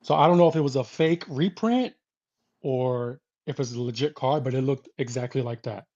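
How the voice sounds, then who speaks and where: A man's voice: medium pitch, mellow. Rambling man on a muffled call. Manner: rambling, halting retelling. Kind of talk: casual storytelling.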